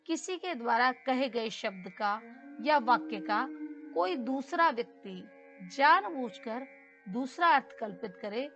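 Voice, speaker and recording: Woman teacher going over a grammar lesson, slow and careful, high voice, kinda dull lo-fi audio. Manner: slow, deliberate, repeats key terms.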